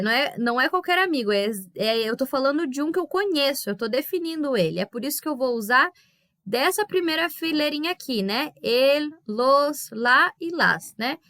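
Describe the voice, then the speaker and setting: A woman teacher with a Brazilian Portuguese accent walks her pupils patiently through a recorded Spanish review, often pausing to check they follow. Her voice sits high. The sound is close and dry, with no room around it. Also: fairly bright tone, no echo.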